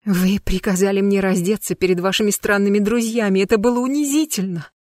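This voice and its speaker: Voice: medium pitch, fairly even intonation, darkish tone, no echo, studio quality, close to an everyday voice. A reader doing a frightened young noble lady. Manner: halting, stammering pleas. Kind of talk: audiobook narration.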